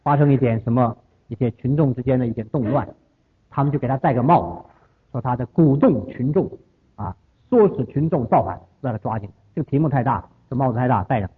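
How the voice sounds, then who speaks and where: Man, storytelling lecture, very husky voice, thin phone-like sound. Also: medium pitch, animated, a little fast. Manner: repetitive, emphatic retelling.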